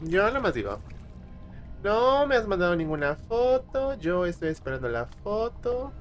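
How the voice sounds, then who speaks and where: A man's voice: high voice, big pitch swings, measured pace, faint music behind. A man with a Mexican Spanish accent chatting on a live stream, teasing and dramatic with his viewers. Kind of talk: casual live-stream chat.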